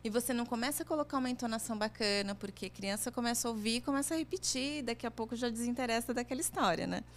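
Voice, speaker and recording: A woman's voice: a little high, rapid-fire, slight background noise. A woman career coach explaining things in a chatty way, often ending phrases with tag questions. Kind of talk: conversational advice chat.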